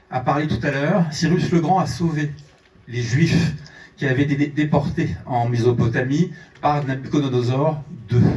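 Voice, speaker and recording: A French-Iranian journalist gives a fervent conference speech in a large theatre, repeating words as he pushes a point. His voice is a little high and a little mellow, heard from a distance in an echoey hall.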